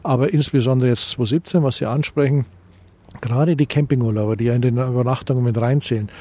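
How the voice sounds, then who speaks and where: Fast, warm and husky at a medium pitch, a middle-aged man from Bavaria answers interview questions in his role as tourism association president. His Bavarian accent comes through, and his replies are hesitant, peppered with fillers and restarts.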